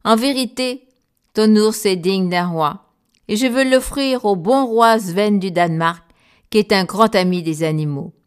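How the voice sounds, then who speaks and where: A woman's voice: mid-range voice, a little slow, clear, resonant tone, lightly acted. A woman voicing a poor, determined young male viking in a storybook, speaking earnestly.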